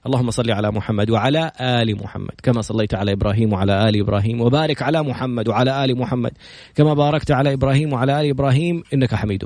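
A male podcast host talks at a quick clip, chatty and lively. His voice sits at an ordinary pitch. The sound is close and dry, with no room echo. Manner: opens with recited prayers, then brisk storytelling; lively and chatty, jokes with the guest. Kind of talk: casual talk show introducing a guest.

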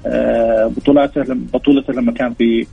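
Male Saudi expert guest, strongly husky, brisk, explanatory interview talk, muffled low-fidelity radio sound. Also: level tone. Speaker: guest expert, sports historian. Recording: dull lo-fi radio sound, music behind.

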